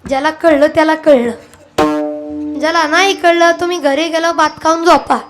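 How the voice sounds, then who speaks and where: A woman preaching a kirtan, telling a story and acting out the birds' dialogue with animated delivery. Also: extremely high pitch, normal speed, faint music behind.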